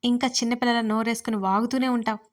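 Scolding middle-aged mother in a storybook, put on by a woman narrator, nagging, nonstop, fairly high voice. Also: level tone, fast talker, close to an everyday voice.

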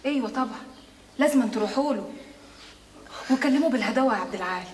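An actress with an Egyptian accent playing a poor worker's anxious, pleading wife. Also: female voice, fairly high pitch, lively intonation, fast, darkish tone, a little hiss or hum, natural voice. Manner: urgent, imploring. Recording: old archive with music behind.

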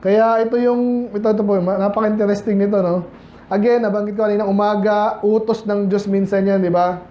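A Filipino pastor from the Philippines preaches a casual, conversational sermon to his congregation in a church sanctuary, often posing rhetorical questions. His voice is high with little pitch movement and a fairly quick pace. The echoey church hall gives the recording a slightly dull sound.

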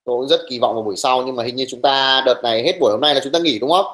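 A young male teacher running an online class, brisk and teasing, who scolds his students bluntly while taking attendance. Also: mid-range voice, fairly bright tone, low-quality recording.

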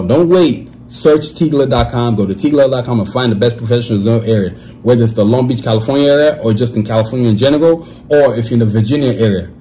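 A man in his thirties hosts his own podcast from a desk in a small room, reading sponsor plugs in a laid-back, slangy style peppered with "you know what I'm saying." His mid-range voice has a warm tone, and there's a little hiss or hum on the recording.

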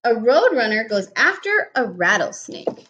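A speech therapist in her thirties reads a picture book aloud to a young child in a home kitchen, patiently explaining things in simple words. Her fairly high voice is very animated, unhurried, and sharp in tone, and the laptop or webcam at table distance gives a muffled recording with slight background noise.

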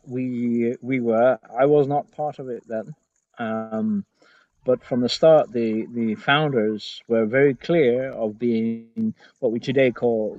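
A middle-aged man with a Swedish accent, in English and halting German, searching for words as he gives an informal speech on a video call. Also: mid-range voice, darkish tone, dry recording. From Sweden. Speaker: representative of a heathen organization. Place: garden, outdoors. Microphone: video call, close webcam. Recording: dull video-call audio.

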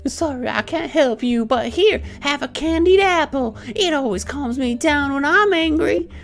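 A man voicing a kindly, helpful ticket lady in a cartoon game, in a sweet falsetto. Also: expressive, measured pace, creaky, fairly bright tone, faint music behind, exaggerated voice. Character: kindly, helpful woman selling tickets at a fair.

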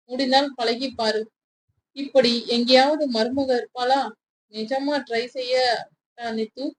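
A woman storyteller reading a romance story aloud in an expressive, dramatic way. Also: on the high side, a little hiss or hum, low-quality recording. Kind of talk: storytelling narration.

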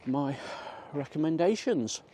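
In a country park, a middle-aged vlogger chats casually as he walks. His voice is a little high and warm with lively intonation, and he speaks a bit slowly. Faint outdoor ambience runs under the recording.

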